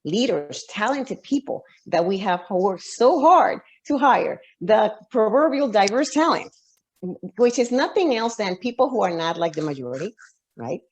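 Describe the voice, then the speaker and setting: A woman's voice: mid-range voice, expressive, moderate pace, breathy edge. A woman author, a guest on an interview show, giving long reflective answers full of restarts and fillers.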